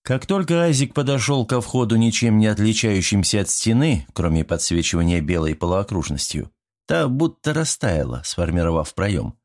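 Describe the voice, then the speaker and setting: A man narrating an audiobook in a calm, even storytelling manner. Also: on the low side, moderate pace. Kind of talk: scripted narration.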